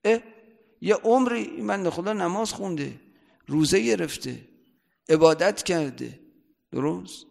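A man, a seminary cleric, giving a conversational religious lecture, often checking that listeners follow and rising sharply in loudness for emphasis. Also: high-pitched, animated, creaky, long pauses. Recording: long hall reverb.

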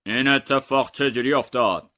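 A man's voice: mid-range voice, bright, forceful tone, lightly acted. A man voicing a museum guard and an inspector in a comic mystery story reading, speaking matter-of-factly and questioning firmly. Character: museum guard and inspector, plain grown men.

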